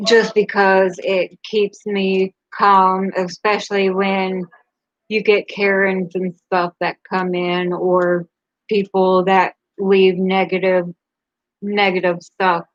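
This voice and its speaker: Woman hosting a live stream, slow and even, candid rambling chat, dull dry home audio. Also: medium pitch, no room sound. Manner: candid, rambling, laughs between thoughts. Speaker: livestream host.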